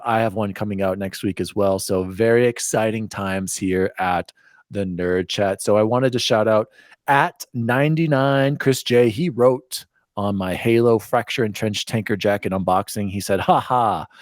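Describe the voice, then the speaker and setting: A man hosting a casual gaming podcast, excitable and laughing through his shout-outs. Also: fairly low pitch, dry recording, studio quality. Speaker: podcast host.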